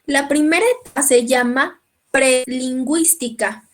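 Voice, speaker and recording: A woman with a Mexican accent lectures a class, checking in with her listeners often and clearing her throat now and then. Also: sits high, fairly even intonation, unhurried. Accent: Mexican Spanish. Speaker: teacher.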